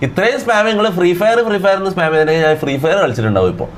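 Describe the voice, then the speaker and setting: Fast-talking irritated Malayali streamer man. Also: sits high, sing-song, slight background noise. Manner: irritated, lecturing, repeats himself. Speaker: livestreamer. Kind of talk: live-stream rant to chat.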